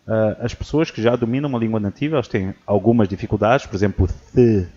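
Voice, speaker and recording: A man hosting a casual podcast who tells lively stories about teaching and acts out what people said. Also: fairly low pitch, quick pace. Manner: animated storyteller who acts out quotes. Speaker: podcast host and English teacher. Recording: dull lo-fi audio.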